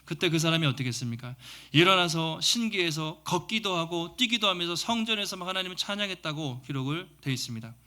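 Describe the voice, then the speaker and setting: Man, pastor, sermon, lively storyteller, bright tone, raised pitch. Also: fast. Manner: lively storytelling with sound words and dialect imitations. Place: church sanctuary.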